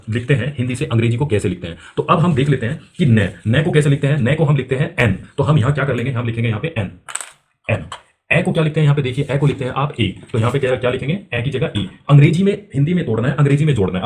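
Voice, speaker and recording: A man teaching beginners at a middle pitch for a man. He works slowly through each letter, asks a question, then answers it himself, and stretches out the letters as he spells. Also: a little hiss or hum. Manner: repeats filler phrases, drags out spelled letters. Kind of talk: spoken-English lesson for beginners.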